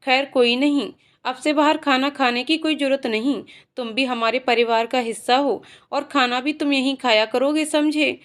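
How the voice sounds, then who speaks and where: A woman's voice: high voice, fairly even intonation, moderate pace, few pauses. A woman voicing an affectionate middle-aged aunt who fusses over the children and scolds them fondly. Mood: motherly. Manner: warmly scolding, fussing.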